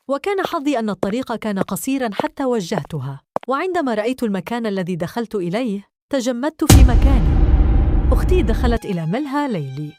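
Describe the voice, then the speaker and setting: A woman narrating a first-person story in an expressive storytelling manner. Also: fairly high pitch, no echo.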